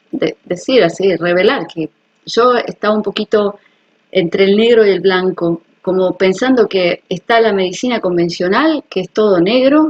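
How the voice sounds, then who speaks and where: Woman host, husky voice, earnest explainer, dull lo-fi sound. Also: mid-range voice, darkish tone. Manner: earnest, personal, repeats "¿ok?" to check viewers follow. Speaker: health video host. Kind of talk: casual explanatory talk to viewers.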